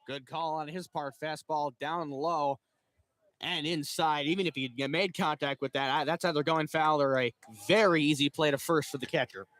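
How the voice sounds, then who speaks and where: A young man giving analytical, measured color commentary on a college baseball radio broadcast from a ballpark booth. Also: a little high, steady tone, fairly bright tone.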